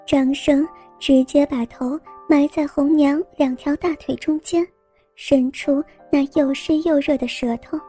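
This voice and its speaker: A woman narrating a scripted story in a soft, even storytelling manner. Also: high-pitched, unhurried. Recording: faint background music.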